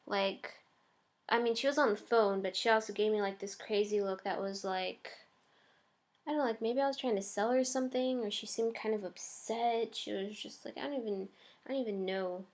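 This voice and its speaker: A woman's voice: medium pitch, fairly even intonation, brisk. A young woman chatting casually in her first vlog, hesitant and full of ums and likes. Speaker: vlogger.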